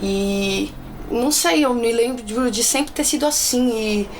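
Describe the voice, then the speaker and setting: A woman's voice: a little high, measured pace, background noise. A woman with a Brazilian accent in casual podcast chat, blunt and slangy, swearing freely. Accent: Brazilian Portuguese. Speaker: podcast guest.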